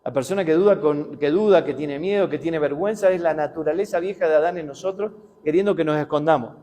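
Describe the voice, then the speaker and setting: A man's voice: on the high side, quick pace, warm tone, slight background noise. A man preaching a sermon with a Rioplatense accent, talking conversationally with rhetorical questions and anecdotes. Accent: Rioplatense Spanish. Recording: long hall reverb.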